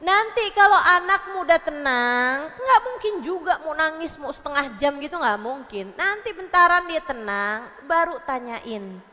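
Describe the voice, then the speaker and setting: A woman's voice: high-pitched, expressive, measured pace, bright, forceful tone, long reverb tail. A woman preacher gives a chatty, humorous sermon to a women's study gathering, acting out mothers and children. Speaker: Islamic preacher. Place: religious study gathering in a hall.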